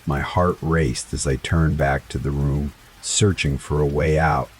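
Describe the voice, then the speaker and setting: A man narrating a first-person horror story in a slow, dramatic scripted style. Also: very deep voice, fairly even intonation, a little hiss or hum. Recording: faint rain sounds behind voice. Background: rain ambience.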